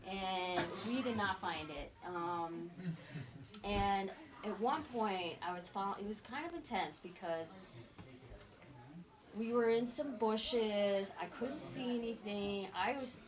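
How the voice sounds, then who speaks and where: A middle-aged woman sharing a personal story at a memorial, animated and acting out the voices of others. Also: mid-range voice, slow pace. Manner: animated, acts out quoted voices, laughs often. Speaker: memorial speaker. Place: memorial gathering. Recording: distant mic with crowd around.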